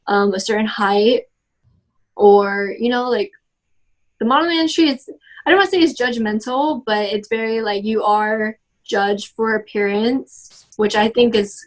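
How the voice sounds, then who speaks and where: With a higher-pitched voice and a measured pace, a woman from Texas in her twenties gives casual oral history interview answers, frequently saying "like" and "um" and starting over mid-thought.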